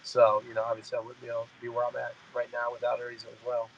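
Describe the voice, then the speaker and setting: A man's voice: medium pitch, monotone, fast, gravelly, lo-fi sound, slight background noise. A man in his mid-thirties, a fighter, talking in a casual interview, rambling and repeating "you know what I mean". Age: 30s. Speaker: guest fighter.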